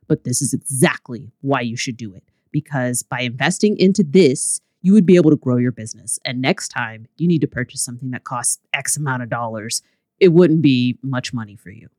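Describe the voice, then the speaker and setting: A woman putting on a lower man's voice to play a pushy, smooth-talking male sales coach who presses hard. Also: a little mellow, no room sound, studio quality. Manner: persuasive, pressuring sales pitch.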